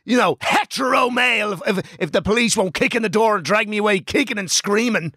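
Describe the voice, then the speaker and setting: A man's voice: sits high, a little fast, pushed and bright, breathy edge, no room sound, clean studio sound, heavily acted. A man playing a blustering, boastful shock journalist on an improvised comedy panel, stammering as he talks. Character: blustering male shock tabloid journalist, macho and moody.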